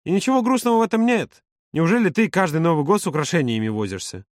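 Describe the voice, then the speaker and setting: A man voicing a lively, teasing young man in an audiobook, pitched higher than his narration. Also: fast, no echo, clean studio sound, lightly acted. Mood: easygoing. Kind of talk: audiobook character voice.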